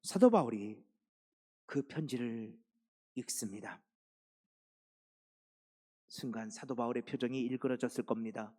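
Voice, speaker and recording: A man's voice: medium pitch, a little slow, pauses often, darkish tone. A man in his fifties, a pastor preaching a sermon and posing questions to his congregation.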